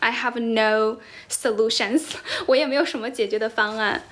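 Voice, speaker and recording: A young woman from China, a native Mandarin speaker with a Chinese accent, chats casually as an English tutor on a phone livestream, answering comments. Her voice is on the high side and fairly bright, with fairly even intonation at normal speed. She's teasing and talkative, switching languages mid-sentence.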